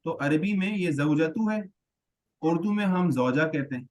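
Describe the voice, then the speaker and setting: Patient male teacher, slightly high voice. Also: animated, darkish tone, low-quality recording. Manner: patient, checks understanding often; drawn-out example words. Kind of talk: classroom grammar lesson.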